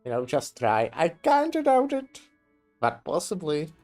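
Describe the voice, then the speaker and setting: A man's voice: on the high side, wildly swooping pitch, measured pace, a little mellow, faint music behind. A man streamer casually commenting on a video game, hesitant with many fillers.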